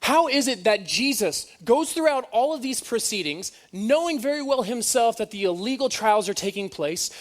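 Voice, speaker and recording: A man preaching a sermon, telling the story in an animated way with joking asides. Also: extremely high pitch, moderate pace, few pauses.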